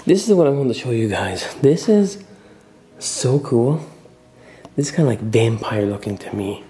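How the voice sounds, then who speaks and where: A man giving a casual, excited walk-through vlog of an old mansion, chatty and often dropping to a murmur. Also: medium pitch, moderate pace. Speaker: vlogger touring a historic mansion. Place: indoors, large old house.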